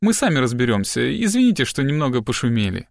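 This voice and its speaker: A male audiobook reader voicing a composed young woman who speaks firmly, clearly and decisively. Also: medium pitch, sing-song, quick pace, no echo, clean studio sound. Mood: reassuring. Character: firm, composed young woman, detective's assistant. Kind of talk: audiobook character reading.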